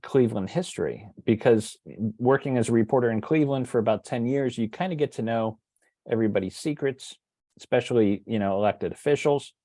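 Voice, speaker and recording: A middle-aged man telling a personal story in a relaxed, conversational way, with frequent fillers and restarts. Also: medium pitch, brisk, no room sound. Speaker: true crime writer and teacher. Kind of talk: casual storytelling lecture.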